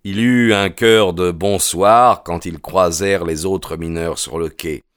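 A man narrating a novel as an audiobook in a measured, even storytelling manner. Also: low-pitched, smooth, dry recording, clean studio sound. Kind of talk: scripted narration.

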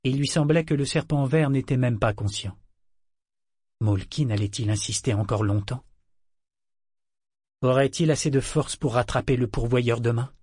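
A man reads a story aloud in a slow, measured way. His voice is husky and a bit breathy, and the recording is dry and close. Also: mid-range voice, a little mellow, no room sound. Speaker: narrator. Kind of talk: audiobook narration.

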